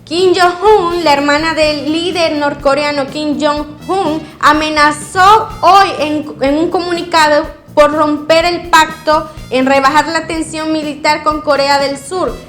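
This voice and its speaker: Woman news anchor, high-pitched, formal scripted reading, light music bed. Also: steady tone, unhurried, few pauses, a bit bright.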